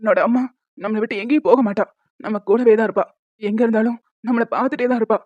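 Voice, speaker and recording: A woman voicing a grieving young father who tenderly coos to his crying newborn son in a small animated drama, recorded dry and a bit dull. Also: on the high side, fast talker, no room sound, natural voice. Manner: tender, tearful cooing.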